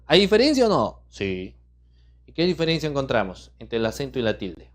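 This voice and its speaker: A middle-aged man leads a writing workshop for lawyers at an average pitch. He reads out lists of terms in a steady, measured cadence. He often stops to check in with his students through rhetorical questions. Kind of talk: online legal writing lesson.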